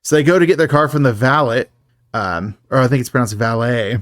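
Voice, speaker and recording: A man's voice: mid-range voice, expressive, very fast, dry recording, clean studio sound. A man co-hosting a podcast, recapping a film in a chatty, joking way and laughing often. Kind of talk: casual chat.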